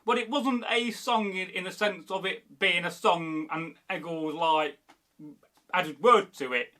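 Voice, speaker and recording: This history channel host from Derby, England meanders through viewer comments, full of fillers and false starts. He speaks a bit slowly in a high, pushed, bright voice.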